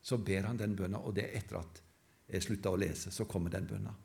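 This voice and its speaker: A man's voice: low voice, steady tone, gravelly, a little mellow. A man preaching a sermon in church, emphatic and building his points through repeated phrases.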